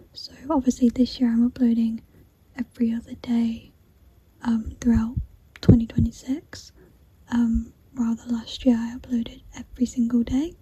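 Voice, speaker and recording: A woman whispering through a chatty, unhurried ASMR video as its creator. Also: on the high side, mellow, slightly rough, no room sound, dull audio.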